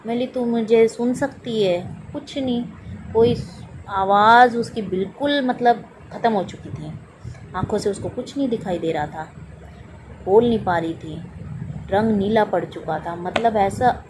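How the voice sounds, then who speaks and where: A mother recounts a frightening day with her daughter, speaking earnestly and playing out both sides of the conversation. A steady background noise runs behind her voice. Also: medium pitch, a little slow. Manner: earnest storytelling, acting out her own and her daughter's lines. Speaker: mother telling a personal miracle story. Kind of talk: spoken personal testimony.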